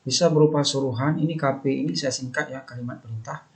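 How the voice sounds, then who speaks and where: A man's voice: medium pitch, fairly even intonation, quick pace, vocal fry. A man giving a recorded lesson over slides, explaining step by step and often repeating his key phrases. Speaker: teacher. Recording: dull lo-fi recording.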